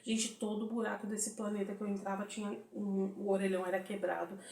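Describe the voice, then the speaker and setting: A woman with a Brazilian Portuguese accent, casually telling a story to camera, chatty and animated, acting out the people she talks about. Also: mid-range voice, fairly quick, creaky, reverberant, far from the mic, slight background noise. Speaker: vlogger. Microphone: phone.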